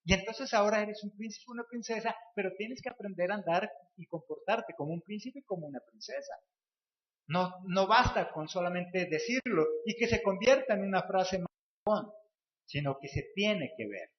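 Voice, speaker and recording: High-voiced preacher in an echoey church. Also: male voice, lively intonation, normal speed. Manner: asks the congregation rhetorical questions, repeats phrases for emphasis. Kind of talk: sermon. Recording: echoey, dull lo-fi church recording.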